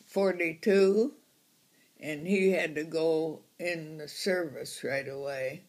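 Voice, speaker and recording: A very old woman of ninety-one reminisces casually in a halting, unhurried way, as someone being interviewed. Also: low-pitched, steady tone, darkish tone.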